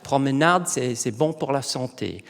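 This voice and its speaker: A middle-aged man, a native English speaker with a foreign English accent in French, giving an informal conference talk and haltingly searching for words. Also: mid-range voice, lively intonation, creaky, fairly bright tone. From England. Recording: long hall reverb.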